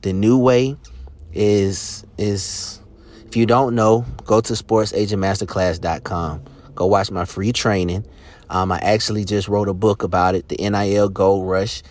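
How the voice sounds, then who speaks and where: A man hosts a podcast about sports agents, ranting with passion and emphasis, repeating words and restarting often. His voice is on the low side and darkish, with fairly even intonation and a slightly slow pace.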